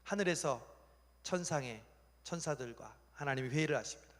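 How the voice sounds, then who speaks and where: A man's voice: medium pitch, expressive, brisk. A male pastor preaching a youth service sermon in a church sanctuary, telling the story with animation and sometimes dropping to a whisper. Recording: long reverb of a church hall.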